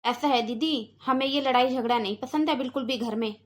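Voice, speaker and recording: A woman voicing a stingy, sharp-tongued aunt by marriage who lectures her niece in a cartoon. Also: sits high, a little fast, natural voice. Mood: dismissive. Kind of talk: cartoon voice acting.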